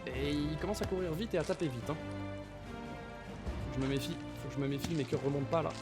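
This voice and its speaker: A man's voice: fairly high pitch, fast talker, over loud music. A man giving casual commentary on his Minecraft playthrough, talking to the mobs and to viewers, repeating nervous exclamations in tense moments. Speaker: gaming YouTuber.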